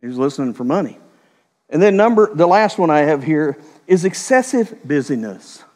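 A middle-aged man preaching a sermon, telling stories in a conversational way and slipping into quick voiced quotes. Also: fairly high pitch, sing-song, darkish tone, long reverb tail. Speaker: pastor.

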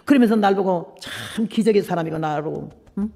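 An older woman missionary preaching her testimony in animated storytelling, acting out the voices of the people in it. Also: fairly low pitch, fairly quick, vocal fry. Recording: long reverb of a large hall.

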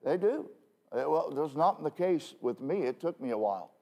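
A male pastor preaching a sermon from the pulpit in a conversational way, full of self-deprecating asides and quick "okay?" checks with the congregation. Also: fairly high pitch, lively intonation, creaky, mellow. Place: church pulpit.

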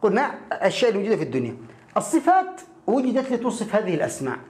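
A man teaching a lesson with an explanatory, animated delivery and frequent rhetorical questions. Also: high voice, very fast. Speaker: English teacher. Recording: echoey room.

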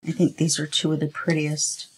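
At her home craft table, a woman hosts a craft tutorial, chatting casually to herself as she works and sounding a little sniffly. Her voice is low, with a completely flat delivery at a moderate pace. It's a noisy home recording.

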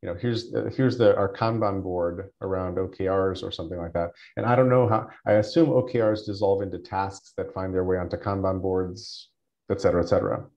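A man's voice: deep voice, fairly even intonation, brisk, vocal fry, a little mellow, lo-fi sound. A man hosting a meeting over a conference call, rambling with frequent restarts. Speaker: meeting host. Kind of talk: casual meeting chat.

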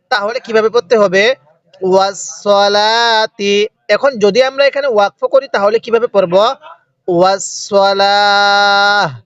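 A man teaching Quran reading, slowly drawing out each word, then explaining it and having listeners repeat after him. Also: high-pitched, lo-fi sound. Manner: slow drawn-out recitation of each word between quick explanations; asks and answers his own questions, has listeners repeat after him. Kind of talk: Quran recitation lesson.

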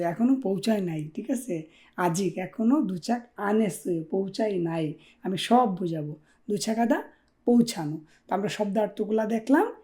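A woman's voice: mid-range voice, warm tone. A woman teaching a Korean language class, repeating each word and checking in often with her learners. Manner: checks in often with rhetorical questions; drills words by repeating them. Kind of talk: classroom explanation.

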